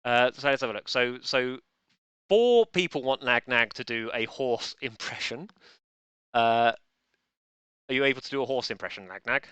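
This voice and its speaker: A man's voice: mid-range voice, animated, moderate pace, pauses often, fairly bright tone, clear, resonant tone, no echo. A man hosting a live-streamed online quiz in a chatty, playful way, often restarting his sentences as he fumbles with the setup. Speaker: quiz host.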